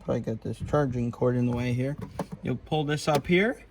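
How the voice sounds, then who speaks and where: Working at a car in his garage, a vlogger shows how to install a CB radio in a casual, hands-on tutorial, talking as he works. His mid-range voice moves briskly. The home video is slightly noisy, with handling clicks.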